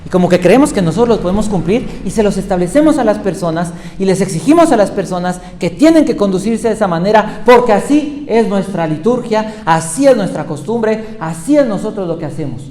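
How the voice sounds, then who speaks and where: A man's voice: high voice, expressive, fairly quick, hardly any pauses, dark tone. A male pastor giving a sermon, retelling Bible stories and putting questions to his listeners. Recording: echoey hall with faint noise.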